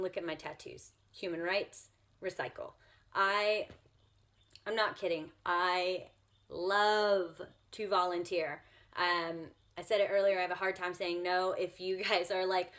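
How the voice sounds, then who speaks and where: A woman blogger speaks earnestly over a remote call, circling back on her words with plenty of fillers. She is tearful and emotional as she talks. Her voice sits at a middle pitch. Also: a bit bright. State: tearful, crying. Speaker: guest blogger. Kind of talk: casual interview answers.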